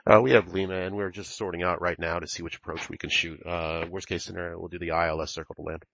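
A man's voice: deep voice, level tone, fast talker, creaky, fairly bright tone, a little hiss or hum. A man making clipped pilot radio calls over a cockpit-style headset in a flight simulation. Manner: clipped aviation phraseology. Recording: dull, band-limited radio audio.

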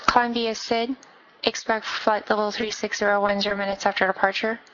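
A woman's voice: mid-range voice, level tone, moderate pace, fairly bright tone. Woman air traffic controller on dull radio. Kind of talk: air traffic control radio, reading clearances in clipped phraseology. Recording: dull band-limited radio audio.

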